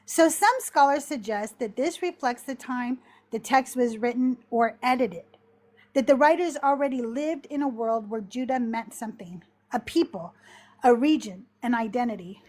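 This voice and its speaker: Higher-voiced woman teaching scripture. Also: darkish tone. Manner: measured, reflective explaining with lists. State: short of breath. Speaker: podcast host teaching on scripture. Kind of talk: live-streamed Bible study talk.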